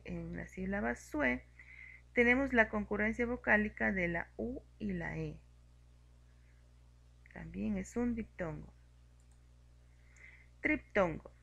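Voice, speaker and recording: A woman teaching a grammar lesson, explaining each example slowly and clearly. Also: mid-range voice, fairly bright tone. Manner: slow, clear and methodical, spelling out examples.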